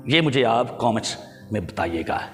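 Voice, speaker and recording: A man's voice: medium pitch, expressive, normal speed, a bit bright, in a large hall, soft background music. A man teaching pronunciation, patiently correcting words, spelling out vowel marks and calling his viewers "children". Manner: addresses viewers fondly as children. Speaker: language teacher. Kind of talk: pronunciation lesson.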